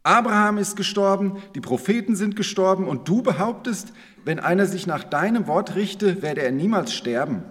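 An indignant crowd of men, as a preacher reads them, protesting with pitch pushed a little higher and a lively, rising melody. The words ring out in a church hall with a long echo. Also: male voice, moderate pace. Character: indignant crowd of male opponents.

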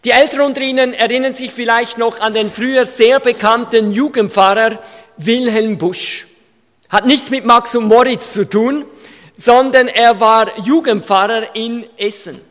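Male preacher, very high voice, emphatic sermon delivery, long hall reverb. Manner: emphatic, rising to shouts in quoted rants. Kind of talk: evangelistic sermon. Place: hall with audience.

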